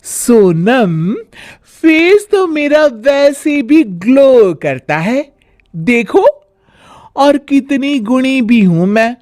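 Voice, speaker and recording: A woman voicing a fussy, bossy young wife who nags everyone in a shrill, scolding way. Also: sing-song, extremely slow, darkish tone, no room sound, studio quality, heavily acted. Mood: preening, bossy.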